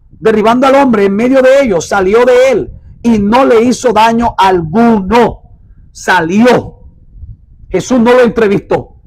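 A man preaching a sermon and reading from the Bible, emphatic, repeating phrases and slowing down to stress words. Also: extremely high pitch, low-quality recording. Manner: urges listeners to mark their Bibles.

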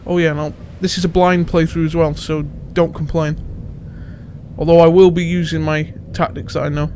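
A man's voice: fairly high pitch, little pitch movement, moderate pace, darkish tone, a little hiss or hum. Chatty young man narrating a game. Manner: chatty, filler-heavy, self-deprecating. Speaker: let's play host. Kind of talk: casual gaming commentary.

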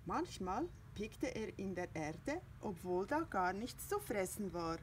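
Woman reading a children's story aloud, slow pace, lively rising and falling pitch. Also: slight background noise. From Switzerland. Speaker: kindergarten teacher.

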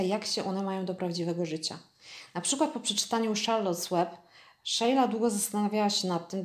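A woman reads a book aloud for her viewers at a calm, measured pace. Her voice sits at a middle pitch. The recording has a roomy echo. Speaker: vlogger reading a book aloud. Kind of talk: book reading for an audience. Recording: echoey room.

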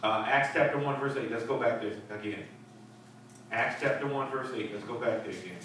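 A man's voice: medium pitch, a little fast, a bit bright. A middle-aged man, a pastor, teaching a Bible study with emphatic preaching, repeating words and calling for responses. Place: church fellowship hall with seated group. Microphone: handheld mic, heard from a far camera. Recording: echoey hall from far off, faint hiss.

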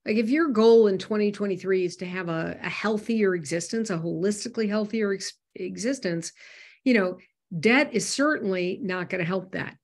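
A woman's voice: medium pitch, normal speed. A woman talks through a money webinar in a mid-range voice. Her delivery is loose and conversational, full of "um" and "you know" and small restarts. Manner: conversational with frequent fillers and restarts. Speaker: host. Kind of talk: webinar talk on personal finance.

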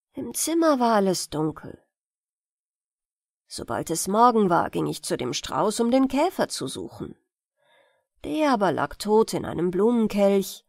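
Slow, soothing woman reading fairy tales. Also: medium pitch, gravelly, no echo, studio quality. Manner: soft, calm, soothing. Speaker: audiobook reader. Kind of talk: bedtime fairy tale reading.

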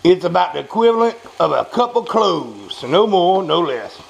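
A man with an American accent and a high, expressive voice, speaking at a moderate pace, gives a casual, off-the-cuff home cooking demonstration at the stove of a small home kitchen. He presents his recipe in a folksy, salty-tongued way and often repeats himself. Kitchen noise comes through clearly, with pans and utensils clattering, food frying, stirring, and dishes clinking.

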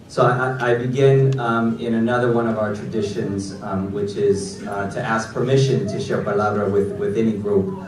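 A man in his forties from Los Angeles giving a graduation keynote speech at a podium, with a measured, deliberate delivery from a prepared text. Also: lowish voice. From Los Angeles, United States. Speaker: keynote speaker. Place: large auditorium stage at a podium. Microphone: podium mic, recorded by a far audience camera. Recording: echoey hall recorded from far back.

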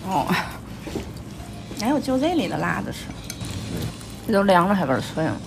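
Chatty Tianjin-accented woman, lively pitch. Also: normal speed, creaky, over music. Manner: chatty, commenting on each bite. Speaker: food vlogger. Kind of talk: casual chat over a meal. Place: small busy restaurant, indoors. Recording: clattery, noisy small restaurant.

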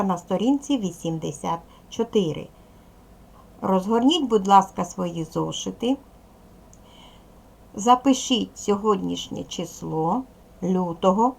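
A woman teaching a video language lesson to young children, patient and slow, asking questions and waiting for answers. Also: medium pitch, gravelly. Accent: Ukrainian. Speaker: primary school teacher.

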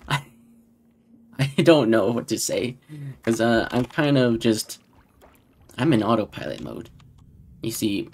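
A man giving casual gameplay commentary in a deadpan tone that can sound sarcastic, with keyboard clicks behind him. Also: medium pitch, a little hiss or hum. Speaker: gaming channel host.

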